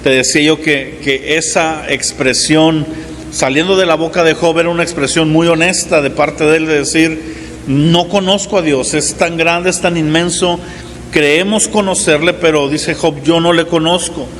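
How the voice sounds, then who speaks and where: A man in his forties preaching a sermon as pastor, talking in a relaxed conversational way and often checking in with the congregation. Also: a little high, moderate pace, in a large hall, a little hiss or hum. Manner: conversational preaching with frequent "¿verdad?" asides. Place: church hall.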